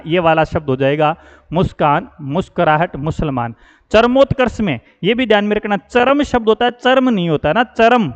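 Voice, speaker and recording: A man teaching Hindi spelling, explaining each word slowly and checking in with his students. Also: sits high. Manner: explanatory, repeats key words, asks "है ना". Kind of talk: spelling lesson. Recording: dull lo-fi sound with long reverb.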